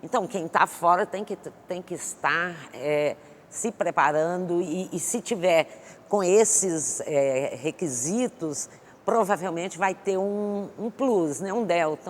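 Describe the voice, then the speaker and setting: A woman guest expert in an interview, answering thoughtfully with many pauses and restarts. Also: deep voice. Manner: hesitant, many fillers and restarts. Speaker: economist guest. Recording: long hall reverb with faint noise.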